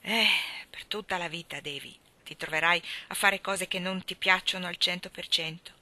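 Woman reader as a gentle, patient young woman student, lowish, bright voice, audiobook. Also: fairly even intonation, normal speed. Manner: patient, mildly teasing.

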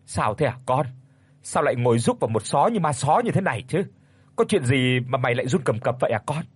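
A gruff old country father fusses and scolds in quick bursts, as a male narrator puts him on. His voice rises and falls a lot and has a slightly husky grain. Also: mid-range voice, expressive, no echo. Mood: scolding worried. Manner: scolding, fast, rustic.

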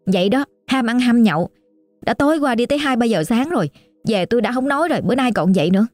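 Narrator voicing a fed-up young wife, Southern Vietnamese accent, sharp scolding over faint music. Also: female voice, fairly high pitch, expressive, quick pace, no room sound, lightly acted.

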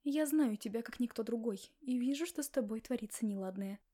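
A woman playing a middle-aged mother who is strict yet sincere, reassuring her grown daughter. Her voice is fairly high with a mellow, warm tone. It is an audiobook dialogue. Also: brisk, natural voice. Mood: caring.

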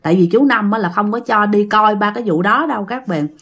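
A woman tells ghost stories in a relaxed, conversational style. She chats loosely, fills her sentences with small fillers, and keeps speaking straight to her listeners. Her voice sits at a middle pitch. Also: brisk, husky. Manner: chatty, addresses listeners often, many fillers. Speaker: storyteller. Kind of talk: casual ghost story retelling.

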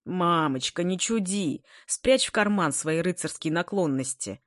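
A woman reading a story, voicing a sullen, boisterous teenage schoolboy who teases in a booming way. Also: lively intonation, a little slow, no room sound, clean studio sound. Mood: mocking. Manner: booming, mocking.

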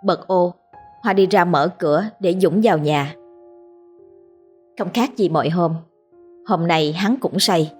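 A woman narrating a ghost story in a steady, dramatic reading. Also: on the low side, measured pace, pauses often, husky, soft background music.

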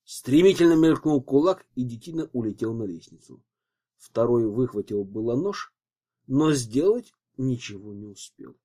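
A man narrating an audiobook in an expressive storytelling manner. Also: medium pitch, moderate pace.

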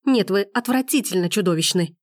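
A woman reads an audiobook, voicing a furious young woman in a period romance who hurls angry accusations. Her mid-range voice is expressive, brisk, and close to everyday speech, recorded with studio quality and no room sound.

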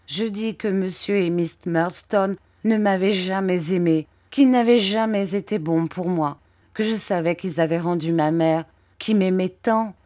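A woman reading a classic novel aloud as audiobook narration in a measured, even storytelling manner. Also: lowish voice. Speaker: audiobook reader. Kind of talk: scripted narration.

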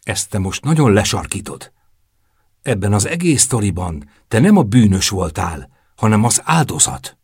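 A man narrating a novel in the first person, in a measured, subdued storytelling manner. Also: on the low side, big pitch swings, a little mellow, husky, dry recording, clean studio sound. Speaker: audiobook narrator.

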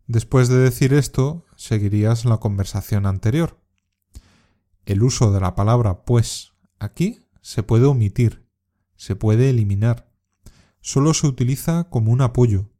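Slow, mellow-voiced teacher man. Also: medium pitch. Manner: slow, careful, modelling intonation for repetition. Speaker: Spanish teacher. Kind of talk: scripted language lesson.

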